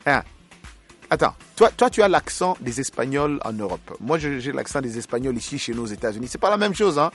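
A man hosting a radio show, greeting listeners and joking with a guest in a lively, casual way. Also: mid-range voice, brisk, husky, soft background music. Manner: lively, jokey, laughs often. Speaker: radio host.

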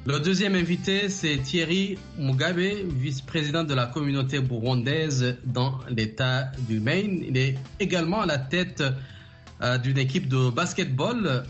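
A man's voice: a little high, dull audio, faint music behind. Sex: male. Role: radio host. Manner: measured, formal questions with frequent "euh" pauses. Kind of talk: radio interview.

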